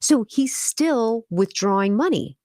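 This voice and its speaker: A woman's voice: a little high, expressive, slow, mellow, no room sound, clean studio sound. A woman hosting a crypto live stream, talking casually and with indignant sarcasm, full of fillers like "like" and "you know". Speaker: crypto channel host.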